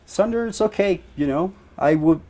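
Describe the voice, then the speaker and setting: A man's voice: high voice, expressive, a little slow, dark tone. A young man from Ecuador, a band guitarist, answering interview questions in a rambling way with many fillers.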